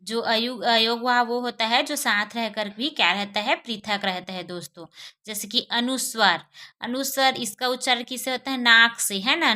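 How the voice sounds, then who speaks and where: This woman's voice is fairly high, bright and forceful as she teaches grammar. She poses questions to the class and answers them herself, checks often that students follow, and pronounces vowel sounds aloud as examples.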